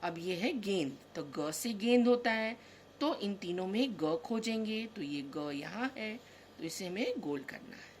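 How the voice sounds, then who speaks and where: Slow, patient woman teaching small children. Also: medium pitch, expressive, darkish tone, slight background noise. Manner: slow, patient and sing-song, stressing each letter; talks straight to the children. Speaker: kindergarten teacher. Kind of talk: slow, patient worksheet lesson for young children.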